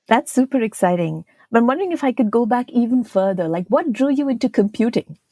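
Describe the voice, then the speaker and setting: A woman's voice: a little high, animated, fast, mellow, dry recording. A woman hosting a podcast, reading a guest introduction and asking conversational interview questions. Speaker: podcast host.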